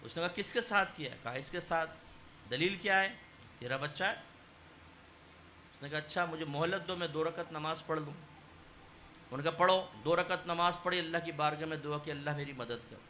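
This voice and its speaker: Man preaching, high voice, kinda sharp, tells stories and does the voices, bit of faint noise behind. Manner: storytelling, acts out voices in quotes; emphatic, rising to loud stresses. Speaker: religious scholar. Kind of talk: sermon.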